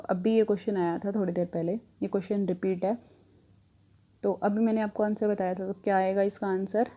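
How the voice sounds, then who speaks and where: Her voice is medium-pitched and dark, with the highs cut off. A young current affairs teacher, she asks questions, then answers and repeats them herself, adding rhyming mnemonics.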